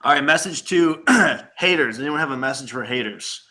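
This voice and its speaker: Young man, live stream host on a video call, bright tone, jokey and quick to laugh. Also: mid-range voice, expressive, low-quality recording. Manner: joking, laughs often. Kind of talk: casual group video chat.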